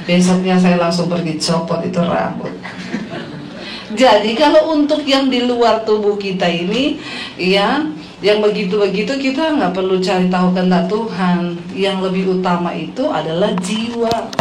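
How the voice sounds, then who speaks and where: A woman's voice: medium pitch, expressive, moderate pace, a little mellow, reverberant, a little hiss or hum, rough recording. A middle-aged woman pastor preaching a sermon, telling stories animatedly, acting out quotes and addressing the congregation.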